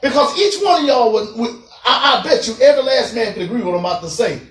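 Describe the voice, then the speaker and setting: A man preaching to a group of parolees, animated, laughing and acting out voices as he goes. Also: extremely high pitch, fast. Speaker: prison minister. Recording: echoey room, mic far off.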